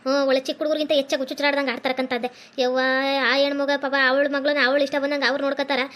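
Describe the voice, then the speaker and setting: A woman voicing a village woman who gossips in a low, confiding way. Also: flat delivery, very fast, fairly bright tone. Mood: gossiping.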